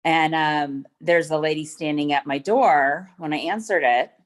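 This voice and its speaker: Middle-aged woman, fairly low voice, courtroom testimony, halting, lots of ums. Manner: hesitant, full of ums, retelling events step by step. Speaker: witness.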